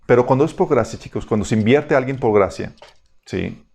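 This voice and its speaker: A man's voice: medium pitch, lively intonation, a little fast, gravelly, darkish tone. A man teaching a Bible study in a conversational way, reading passages aloud and often checking that his listeners follow.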